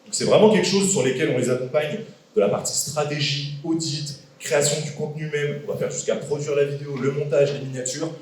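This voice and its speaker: This late-twenties man, a guest speaker, keeps his live talk light and jokey, tossing questions at the crowd in a big event hall. His fairly high voice is brisk and a little mellow. Heard from a distance in the echoey room, it comes with slight background noise.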